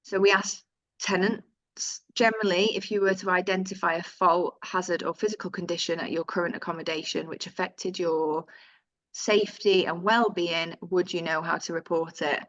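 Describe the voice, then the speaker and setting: Low-voiced woman with a Northern English accent. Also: steady tone, normal speed, a bit bright, no room sound, lo-fi sound. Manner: reads out figures, with fillers and self-corrections. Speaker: presenter of survey findings. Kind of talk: webinar presentation.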